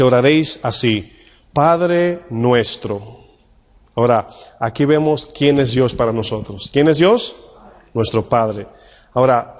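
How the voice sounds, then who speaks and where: A male pastor preaching a sermon in a conversational tone, asking the congregation questions and slowing down to read scripture. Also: medium pitch, darkish tone. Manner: slows right down when reading scripture. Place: church hall. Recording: long church-hall reverb.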